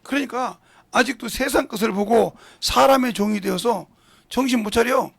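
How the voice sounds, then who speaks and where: A man preaching a sermon as pastor, blunt and scolding, with big swings between loud and quiet. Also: very high voice, normal speed. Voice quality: gravelly, husky voice. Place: church sanctuary.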